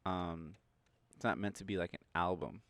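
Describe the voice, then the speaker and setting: A young man who coaches at a gym, hosting a casual podcast chat in a relaxed, easygoing way with casual swearing. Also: deep voice, normal speed, creaky.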